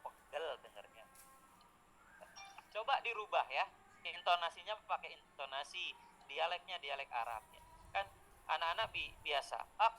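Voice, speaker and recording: Chatty middle-aged male lecturer, slightly high voice. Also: poor audio. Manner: chatty, with frequent tag words and hesitations. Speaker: teacher-training lecturer giving feedback. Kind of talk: informal evaluative lecture.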